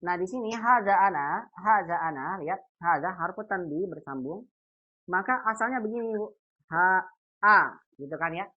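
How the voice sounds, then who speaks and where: A man's voice: high voice, expressive. Patient male teacher over a lo-fi call. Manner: patient, repeats example phrases slowly and asks quiz questions. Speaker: Arabic teacher. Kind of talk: online Arabic grammar class. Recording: dull lo-fi online call audio.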